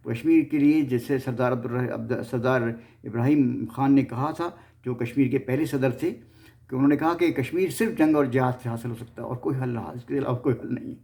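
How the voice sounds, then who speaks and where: He narrates history casually as a series host, his Pakistani accent clear, often stumbling and repeating himself. The voice is a man's, medium-pitched with a dark tone and normal speed.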